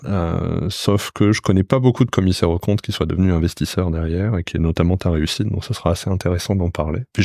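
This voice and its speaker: A man hosting a podcast interview, talking in a relaxed conversational way with some fillers. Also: low voice, vocal fry, dry recording, studio quality. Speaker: podcast host.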